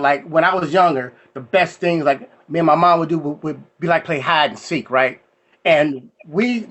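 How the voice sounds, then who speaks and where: A young adult man with a fairly high voice works through a stand-up set. He tells stories in a loose, chatty way and slips into quick voices for the people in them. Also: fairly bright tone, lo-fi sound. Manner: storytelling with voices for friends and family, loose and conversational. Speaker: stand-up comedian.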